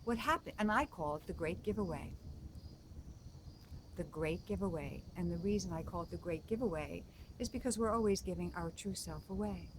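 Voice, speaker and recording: Lady spiritual coach, kinda low voice, slow and gentle, repeats stuff for emphasis. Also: background noise. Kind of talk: reflective spiritual talk.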